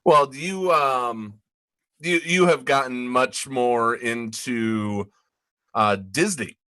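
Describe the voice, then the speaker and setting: A man's voice: medium pitch, takes it slowly, fairly bright tone, dry recording. A man co-hosting a gaming podcast in casual, conversational chat. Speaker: podcast co-host.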